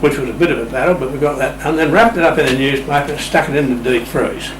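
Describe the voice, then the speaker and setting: Recorded in a radio shack room on a distant mic, with roomy acoustics and audible background noise, an older Australian man shares a casual story as an interview guest. He talks fast in a mid-range voice, his delivery wry, playful and understated.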